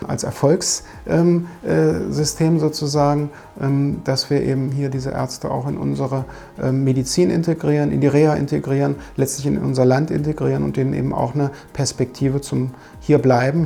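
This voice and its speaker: A man with a gravelly, mellow voice gives a documentary interview as a chief physician. He talks in measured sentences and pauses often with fillers. Faint music plays underneath. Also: mid-range voice. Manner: measured, with frequent hesitation fillers.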